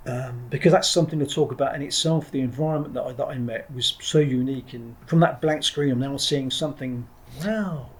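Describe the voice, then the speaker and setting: A middle-aged Englishman, once a Marine trainer, tells his story as a podcast guest in reflective interview talk. His mid-range voice runs a little fast with hardly any pauses and a breathy edge. He's blunt and digressive, often restarting sentences and dropping the odd swear word.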